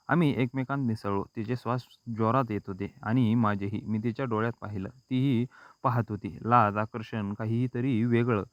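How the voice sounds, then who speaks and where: A man narrating a scripted first-person story in a slow, intimate, reflective way. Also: medium pitch, dry recording, lo-fi sound.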